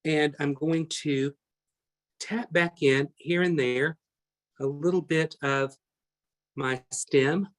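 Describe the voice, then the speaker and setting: A man's voice: on the high side, fairly even intonation, slow pace, pauses often. A man teaching a live online painting class, chatty and talking through each step as he works, often correcting himself mid-sentence. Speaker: painting instructor.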